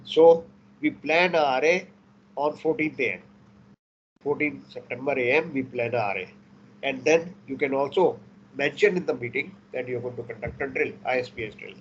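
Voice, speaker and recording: A man's voice: medium pitch, extremely slow, dull audio, a little hiss or hum. A man teaching an online class for merchant navy exams, mixing Hindi and English and repeating key points for emphasis. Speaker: merchant navy exam instructor.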